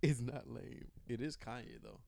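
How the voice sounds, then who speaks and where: A man hosting a podcast, chatting casually and profanely while giving shout-outs close to the mic. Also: mid-range voice, fairly even intonation, creaky, noisy background. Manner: profane, laid-back, drawn-out shout-outs. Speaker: podcast host.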